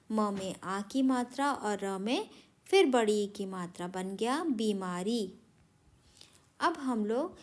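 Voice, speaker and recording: A woman's voice: fairly high pitch, a little mellow. A woman teaching a Hindi grammar lesson to young children, patiently spelling out words and correcting sentences. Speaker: primary school Hindi teacher. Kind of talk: recorded classroom lesson for children.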